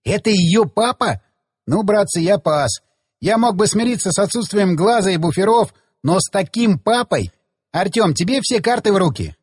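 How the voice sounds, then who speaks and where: A man's voice: sits high, animated, moderate pace, husky, no room sound, studio quality, big-room sound, voice pushed up. A man voicing a cheeky young man who teases and mocks the others slyly. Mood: joking. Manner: mocking, sly.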